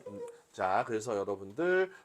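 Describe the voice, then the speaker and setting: With a lowish, very animated voice at normal speed and slight background noise, a man leads a class through a live software demo. The workshop instructor chats as he teaches, frequently raising his own questions and supplying the answers.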